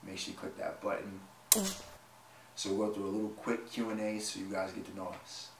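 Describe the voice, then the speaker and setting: A man's voice: low voice, little pitch movement, brisk, gravelly. Joking man in his twenties, echoey room. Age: 20s. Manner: joking, laughs often while telling stories. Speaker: vlog co-host. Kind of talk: casual chat. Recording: echoey room, mic at a distance, faint noise.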